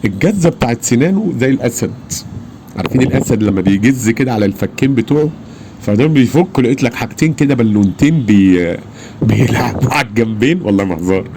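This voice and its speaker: Fast-talking Egyptian man over traffic noise. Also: mid-range voice. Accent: Egyptian Arabic. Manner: animated, emphatic, acts out his own shouts. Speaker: eyewitness storyteller. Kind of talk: casual personal storytelling.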